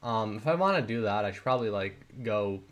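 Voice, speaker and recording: A man's voice: lowish voice, animated, brisk. A teenage boy rambling through self-deprecating commentary while playing a game, trailing off into mumbled asides and restarts. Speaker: gaming channel host. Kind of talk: rambling Minecraft let's-play commentary.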